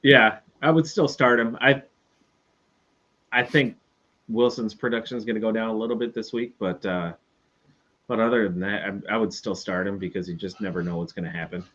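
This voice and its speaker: Man, co-host, low voice, dull lo-fi mic, laid-back, agreeable. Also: fairly even intonation, brisk, fairly bright tone. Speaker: podcast co-host. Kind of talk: casual fantasy football chat.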